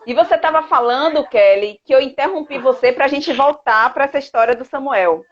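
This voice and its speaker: A woman hosting a live stream interview, gently reflecting and asking guiding questions. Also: sits high, fairly quick, muffled recording. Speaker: host.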